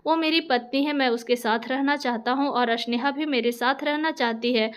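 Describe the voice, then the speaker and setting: Earnest young husband, voiced by a woman, defiant, high voice, storybook reading. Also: moderate pace, clear, resonant tone, lightly acted.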